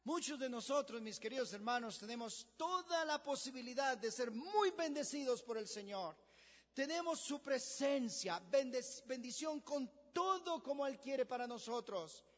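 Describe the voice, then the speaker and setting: High-voiced preacher in an echoing hall. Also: male voice, lively intonation, normal speed, fairly bright tone. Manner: emphatic preaching, acting out stories. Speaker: pastor. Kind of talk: sermon. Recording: dull, echoey hall recording.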